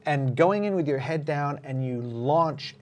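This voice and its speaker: A man's voice: on the high side, expressive, measured pace, slight background noise. A man hosting a casual sports podcast, recapping a rugby match in a conversational way with many fillers. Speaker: podcast host.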